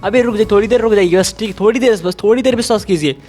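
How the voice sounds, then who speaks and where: A man with a high, light voice and a Hindi accent walks learners through English letter sounds. He is patient and repeats himself, checking that each step is clear. Faint music plays underneath. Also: rapid-fire, a little mellow. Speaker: English teacher. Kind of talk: phonics lesson.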